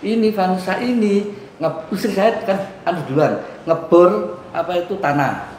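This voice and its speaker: Man, middle-aged, East Javanese accent, fairly high voice, lively swings in pitch, acts out quoted arguments, echoey room. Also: moderate pace. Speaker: resident in a neighborhood dispute. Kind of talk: animated retelling to a mediator. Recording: echoey room with faint background hum.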